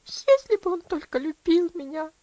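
Lady doing a weepy little girl voice, high and shaky, kinda dull lo-fi sound. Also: big pitch swings, moderate pace, mellow, dry recording. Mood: pleading. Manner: trembling, pleading delivery. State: crying. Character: tearful devout young girl, gentle and loving.

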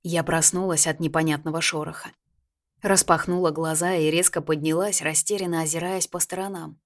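Low-voiced woman narrating an audiobook. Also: fairly even intonation, fairly quick. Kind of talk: first-person audiobook narration.

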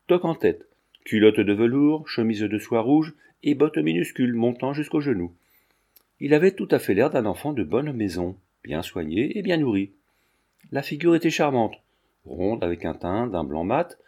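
Mellow male audiobook narrator. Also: mid-range voice.

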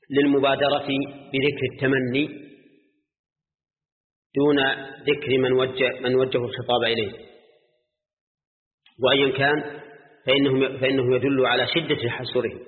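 Older man teaching in an echoey hall. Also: medium pitch. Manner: explains step by step, often asks students "ha?", chants verses. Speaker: Quran teacher. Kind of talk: classroom Quran exegesis lesson. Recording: tinny lo-fi recording in an echoey hall.

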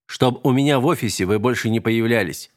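A man voicing a pompous, indignant middle-aged boss in an audiobook, his voice shrill and outraged. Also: a little fast, lightly acted.

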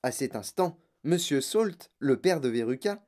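A woman narrating a children's novel in an expressive storytelling way. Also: a bass voice, a little slow. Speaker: reader.

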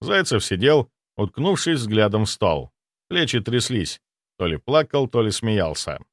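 A man narrating a first-person fantasy audiobook in an expressive, vivid storytelling manner. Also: on the low side, measured pace, no echo, clean studio sound.

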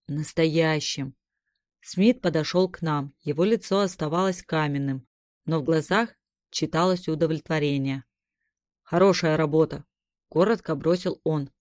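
Low-voiced woman reading a fantasy story. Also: darkish tone, no echo, studio quality. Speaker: audiobook narrator. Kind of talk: dramatic first-person fantasy narration.

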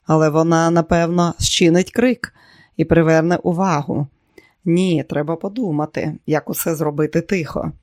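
A tense young woman on the run, plotting her way out, as a male narrator puts her on. She speaks urgently in a raised, higher voice. The audiobook reading is close and dry. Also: steady tone, normal speed, no room sound, natural voice. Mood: scheming.

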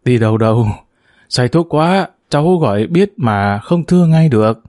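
A man voicing a kindly, gentle retired old colonel who speaks in an unhurried, homely way. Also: medium pitch, lively intonation, no room sound, clean studio sound, lightly acted. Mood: fumbling, gentle.

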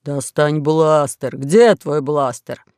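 A woman voicing a fat, blustering male space pirate in an audiobook story, gruff and drawn-out. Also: sits low, a little mellow, dry recording, clean studio sound, pitched below the performer's own voice. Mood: desperate.

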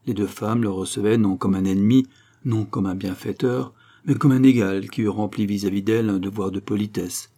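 Low, husky male narrator. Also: moderate pace. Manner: steady, literary reading. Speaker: audiobook narrator. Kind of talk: scripted narration.

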